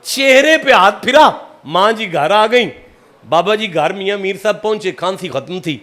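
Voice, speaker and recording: A man from Pakistan, preaching a sermon and telling a story that swings from hushed tones to shouting. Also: sits high, lively intonation, a little hiss or hum.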